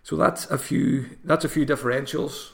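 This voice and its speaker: On his solo advice podcast, a man runs through his picks as his voice turns hoarse, thinking aloud and often restarting phrases or using fillers. His middle-range pitch stays fairly even, and he talks at a normal pace.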